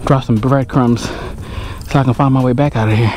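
With a steady, slightly mellow mid-range voice at normal speed, a forties-aged fishing vlogger jokes around with viewers he calls y'all. He's hiking sandy trails in scrubland, filmed on a chest-mounted action camera.

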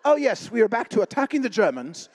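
A man's voice: high-pitched, sing-song, fast talker, a little mellow, voice pushed up. A man voicing an unflappable, comically polite bomber pilot. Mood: jolly. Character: posh British male WWII bomber pilot, unflappable. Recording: echoing hall reverb.

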